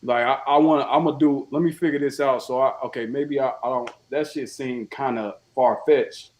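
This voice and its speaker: A man's voice: mid-range voice, fairly even intonation, normal speed, darkish tone. Laid-back profane man from Chicago. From Chicago, USA. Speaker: podcast guest. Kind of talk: casual chat.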